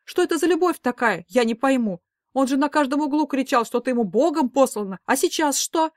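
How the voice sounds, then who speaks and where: A woman's voice: medium pitch, brisk, a little mellow, no echo, clean studio sound, natural voice. A woman voicing a worried middle-aged mother who scolds and pleads emphatically. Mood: urging.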